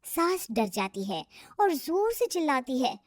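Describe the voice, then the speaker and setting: High, lively woman storyteller. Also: unhurried, heavy background noise. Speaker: narrator. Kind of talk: scripted storybook narration.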